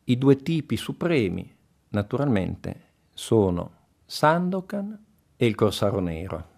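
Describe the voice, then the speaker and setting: A man musing on books in a slow, contemplative commentary. His voice is low, dark and gravelly with fry. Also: sing-song. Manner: contemplative, deliberate. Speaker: literary commentator. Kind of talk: reflective literary commentary.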